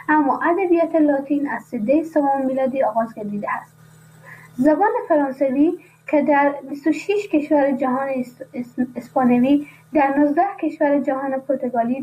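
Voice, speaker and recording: A woman's voice: high voice, mellow. A woman, reading a radio lesson and adding casual spoken asides. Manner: reads a text, then explains it in casual asides. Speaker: teacher. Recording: dull lo-fi radio sound, faint noise.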